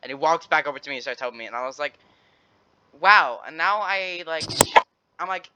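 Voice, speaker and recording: A man's voice: mid-range voice, rapid-fire, heavy background noise. A teenage boy hosting a casual podcast, telling a school story in a rambling way with many restarts. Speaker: podcast host. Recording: lo-fi dull audio.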